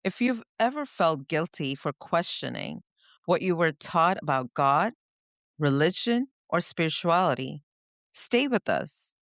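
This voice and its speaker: A woman from India, a podcast co-host reflectively recounting her upbringing, often pausing to search for words. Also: deep voice, sing-song, a bit bright, dry recording, clean studio sound. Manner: reflective, searching for words, frequent "you know". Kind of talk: personal storytelling in conversation.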